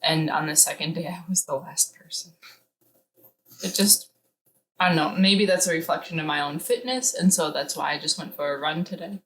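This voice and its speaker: A woman's voice: low voice, normal speed, a bit bright, low-quality recording. A woman in casual conversation, talking in a hesitant, hedging way. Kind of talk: casual chat. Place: inside a tent.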